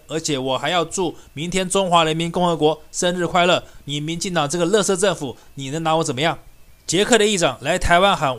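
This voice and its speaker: A man's voice: on the high side, a bit bright. A man hosting a political commentary show, delivering a combative, scornful opinion monologue. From Taiwan. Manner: combative, scornful, rapid ranting.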